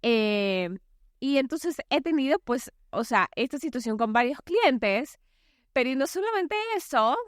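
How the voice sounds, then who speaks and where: A woman's voice: sits high, lively intonation, unhurried, no echo. Female podcast host, forties, casual solo monologue, lots of "eh", dry close mic. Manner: chatty, many fillers, acts out quoted voices. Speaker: podcast host and anger coach.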